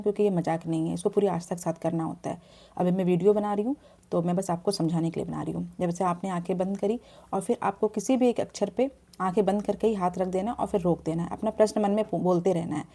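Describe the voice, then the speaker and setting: Woman, devotional video host, mellow warm tone, earnest step-by-step teaching, phone camera recording. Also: fairly low pitch. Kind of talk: instructional devotional talk.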